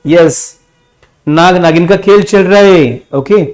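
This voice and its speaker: A man's voice: sits high, slow, a little mellow. A male teacher with a Marathi accent giving an exam-prep vocabulary lecture, repeating meanings and quizzing his class. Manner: repetitive, drilling meanings and asking the class.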